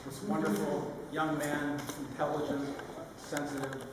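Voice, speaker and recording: An older man giving a sentimental, lightly humorous father of the bride speech, halting with pauses mid-phrase. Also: on the high side, little pitch movement. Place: large reverberant room at a wedding reception. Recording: echoey hall, distant mic, noisy room.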